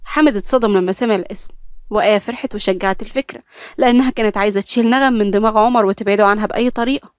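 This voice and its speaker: A woman's voice: medium pitch, racing, dry recording, studio quality. A woman with an Egyptian accent narrating a romantic story.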